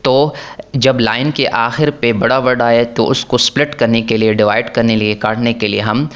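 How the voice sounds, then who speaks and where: A man explaining English grammar rules in Hindi, repeating "ठीक है" often and reading English rules slowly. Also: mid-range voice, steady tone, a bit bright, clear, resonant tone.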